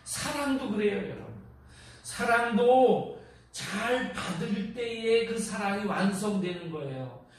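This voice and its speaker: A man's voice: high-pitched, animated, takes it slowly. Middle-aged male preacher, storytelling sermon, recorded far off in a very reverberant church hall. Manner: storytelling with direct address to the congregation. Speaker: pastor.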